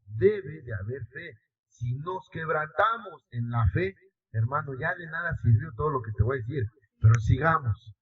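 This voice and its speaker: A middle-aged man with a Mexican accent, preaching a sermon in an emotional, conversational way with sudden rises and falls in loudness. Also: high-pitched, very noisy. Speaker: lay preacher. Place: church. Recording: distant, muffled church recording.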